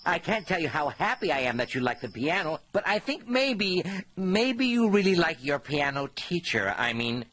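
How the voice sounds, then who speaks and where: A man voicing a kindly, gentle middle-aged uncle in a cartoon, husky, patient and earnest. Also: fairly high pitch, very animated, moderate pace. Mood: careful. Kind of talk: animated cartoon voice acting.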